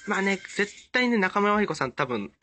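A man commentating on a dating game in an excitable, gushing, hyper way. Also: high-pitched, brisk, background noise. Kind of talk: let's-play commentary.

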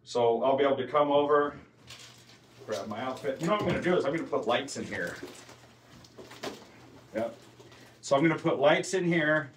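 A man's voice: medium pitch, lively intonation, normal speed, long pauses, a little hiss or hum. A man in his forties, a band singer, chatting casually in a vlog, rambling and swearing freely. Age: 40s.

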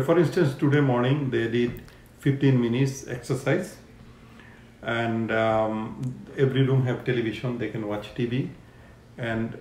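A man in his fifties from Bangladesh, a care home owner, answering interview questions in a halting way with many fillers, seated on a sofa in a living room. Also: mid-range voice, darkish tone, roomy sound, slight background noise.

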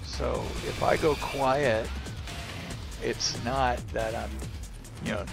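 A man's voice: mid-range voice, steady tone, slow pace, gravelly, music in the background. A man with a strained, cracking voice giving casual, sweary commentary as he plays a video game. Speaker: gameplay streamer.

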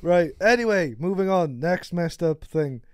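A young man co-hosts a podcast in a casual, jokey way, laughing easily between lines. His voice sits fairly high and swings around a lot. The recording is dry and close. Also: measured pace, clean tone, no room sound. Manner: laughs often, jokey and animated. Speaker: podcast co-host. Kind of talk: casual chat.

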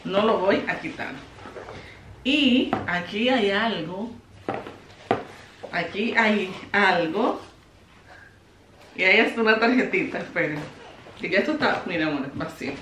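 A Dominican woman vlogging at home as she opens birthday gifts, expressive and emotional, laughing often. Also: mid-range voice, a little slow, long pauses, echoey room, noisy background. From Dominican Republic. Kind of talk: casual vlog, opening birthday gifts. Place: home, indoors.

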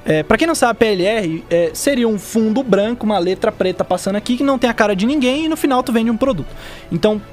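Young male Brazilian podcast guest, high voice, rapid casual slangy delivery, explaining by example. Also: animated, faint music behind. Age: young adult. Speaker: podcast guest, digital marketer. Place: indoor podcast studio. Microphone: dynamic mic on boom arm, close.

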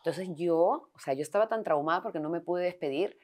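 A woman's voice: on the low side, fairly quick, a little mellow. A young Peruvian woman with a Peruvian Spanish accent, telling personal stories as a guest in a casual interview at home. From Peru. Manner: candid, storytelling.

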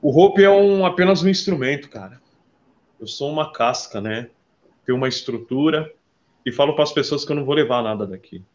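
A man being interviewed as a visual artist, telling stories in a lively, casual way and often calling the listener "brother". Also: a little high, a little fast. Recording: dull lo-fi sound.

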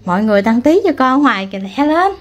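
A woman's voice: fairly high pitch, very animated, quick pace. A woman, a mother chatting casually while filming her family, teasing and coaxing her child. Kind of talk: casual family vlog chat.

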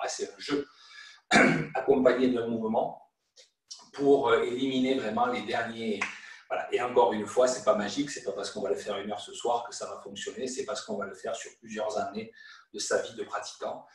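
A man with a French accent teaching an online qigong class, guiding calmly with frequent "hein" and "voilà". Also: lowish voice. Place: room at home or studio, teaching over video call. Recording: echoey room, voice from far off the mic.

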